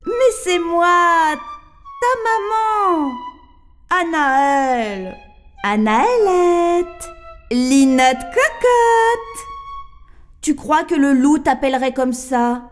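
A woman voicing a gentle, coaxing mother in a storybook reading, unhurried, over faint music. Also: sits high, animated, full character voice. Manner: soft and coaxing, sing-song rhyme.

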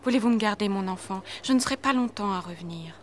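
A woman's voice: medium pitch, fast, a little hiss or hum, lightly acted. A woman voicing a poor young widowed mother who earnestly begs an innkeeper to keep her child. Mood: pleading. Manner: earnest, imploring. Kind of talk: audio drama acting.

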